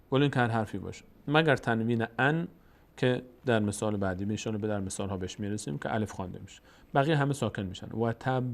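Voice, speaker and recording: A man with a Tajik-influenced Persian accent teaching Quran recitation, explaining the rules quickly and then drawing out the example words slowly. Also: mid-range voice. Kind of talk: tajweed lesson with slow recited examples.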